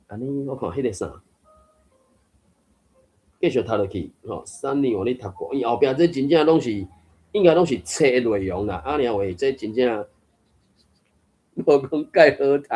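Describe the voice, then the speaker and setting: A mellow, breathy-edged, medium-pitched voice belongs to a man with a Taiwanese accent leading a book reading group in an online reading room. He speaks expressively and a little slowly with long pauses, chatting and digressing about pronunciation while thinking aloud.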